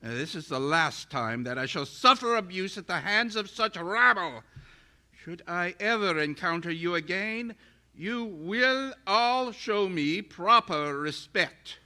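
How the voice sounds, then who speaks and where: An actor playing an arrogant, bitter invisible scientist in a radio-style drama, speaking in haughty, theatrical, formal language. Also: male voice, sits high, expressive, a little slow, bright, forceful tone, exaggerated voice. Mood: furious. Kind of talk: radio-style stage audio drama acting.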